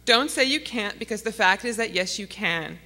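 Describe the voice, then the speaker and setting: A woman's voice: mid-range voice, expressive, normal speed, bright, forceful tone. A middle-aged woman giving an earnest, pleading speech to an audience in a conference hall. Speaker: conference speaker. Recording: long hall reverb.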